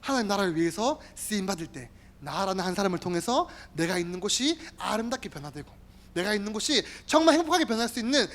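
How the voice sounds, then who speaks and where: Animated youth pastor preaching. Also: mid-range voice. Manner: animated, addresses listeners directly, repeats key words. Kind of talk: sermon.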